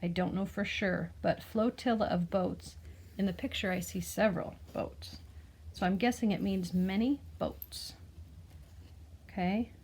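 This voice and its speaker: Her husky, mid-range voice moves a little slowly as she expressively reads a children's picture book aloud like a teacher. Along the way she explains words and asks gentle questions of the listener.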